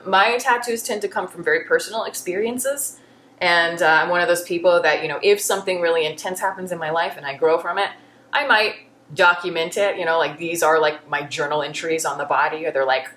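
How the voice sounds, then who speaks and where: A woman's voice: low voice, fairly bright tone, reverberant, slight background noise. A woman answering viewer questions in a casual way, candid and reflective, often restarting her sentences. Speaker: YouTube film reviewer.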